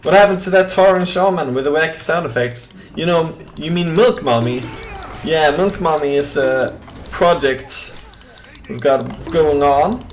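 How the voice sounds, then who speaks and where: Against soft background music, a young man from Sweden speaks unhurriedly in a voice on the high side, with a Swedish accent. Chatting casually on his game stream, he reads messages from chat aloud, rambling and using plenty of fillers.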